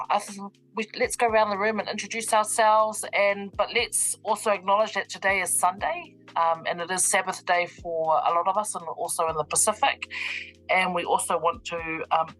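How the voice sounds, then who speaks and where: A woman's voice: fairly low pitch, fairly bright tone, low-quality recording. A woman hosting a casual live discussion. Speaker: host.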